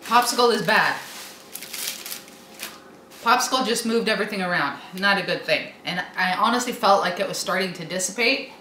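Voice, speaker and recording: A middle-aged woman chatting casually to camera, struggling to talk with her mouth and throat burning from spicy food, haltingly, clearing her throat and puffing out breaths. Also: mid-range voice, pushed and bright. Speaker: host of a food challenge video. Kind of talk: casual reaction chat to camera. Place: small indoor room with window blinds. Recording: echoey room with faint background noise.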